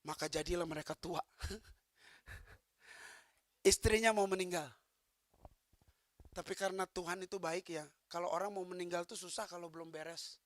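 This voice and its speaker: A pastor preaching a sermon, swinging from soft talk to fervent shouting and quizzing the congregation with quick questions. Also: medium pitch, fairly even intonation, no echo.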